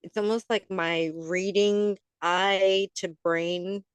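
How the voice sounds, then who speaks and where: A woman's voice: medium pitch, fairly even intonation, slow pace, clean tone, no room sound. Dry-sounding chatty woman podcaster. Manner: chatty, stumbles over words, laughs often. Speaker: podcast co-host. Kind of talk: casual chat and oracle card reading.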